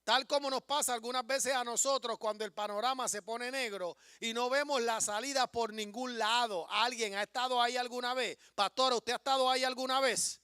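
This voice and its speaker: A man, preaching a sermon as pastor, moving from hushed storytelling to rising, impassioned declarations. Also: extremely high pitch, steady tone, a little fast, hardly any pauses, smooth, dry recording, clean studio sound.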